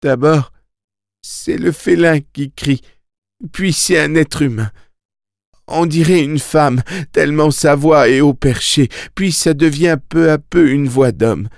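A man voicing a frightened young boy who haltingly recalls a horror while in a trance, in an audiobook. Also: on the high side, vocal fry, no room sound, clean studio sound, voice pushed up. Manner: halting, fearful, speaking in the present tense. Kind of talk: audiobook character voice.

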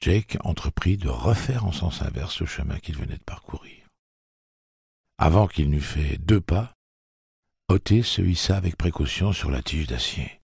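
A man reading a novel aloud as an audiobook narrator, with a gravelly, husky voice and a steady, measured delivery. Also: very deep voice, no echo, studio quality. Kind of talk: scripted narration.

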